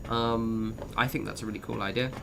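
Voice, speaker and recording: A man's voice: fairly low pitch, fairly even intonation, a little fast, creaky, noisy background. A man with a modern British Received Pronunciation accent, giving chatty, sweary, bantering commentary as he streams a game. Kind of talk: casual gameplay commentary.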